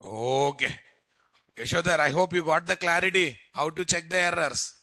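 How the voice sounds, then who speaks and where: Telugu indian guy teaching programming live, sharp voice, dry close sound, keeps asking the class questions. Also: on the high side, normal speed, dry recording. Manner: repeats phrases and quizzes listeners. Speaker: programming instructor. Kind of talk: live software lesson to a class.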